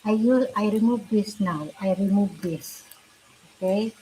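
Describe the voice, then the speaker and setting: A woman chatting casually in halting, non-fluent English, often repeating herself. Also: mid-range voice, mellow, rough recording. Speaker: live stream host. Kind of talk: casual chat. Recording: faint background noise.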